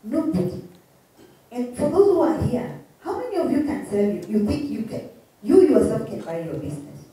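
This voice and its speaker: Woman, Kikuyu Kenyan accent, mellow tone, emphatic interview guest, rhetorical questions, heavily echoing room. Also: on the high side, very animated, normal speed. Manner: emphatic, repeats phrases, asks rhetorical questions. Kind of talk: animated motivational interview talk. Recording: very echoey room, distant mic, faint noise.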